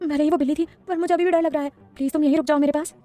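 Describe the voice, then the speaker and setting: A woman voicing a frightened, childish young woman who pleads in a high, shrill voice. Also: fairly even intonation, rapid-fire, dark tone, soft background music, close to an everyday voice.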